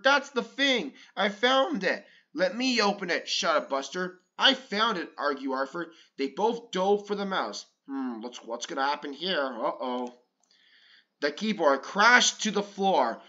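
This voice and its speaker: A man with a high-sitting voice reads a children's picture book aloud on a muffled recording. He changes his voice for the lines, raising it for excited moments, and breaks off between pages to comment casually.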